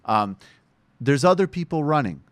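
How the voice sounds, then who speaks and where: A man's voice: fairly high pitch, sing-song, normal speed, no echo. A man from western Massachusetts hosting a podcast, giving conversational political commentary with wry asides. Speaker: podcast host.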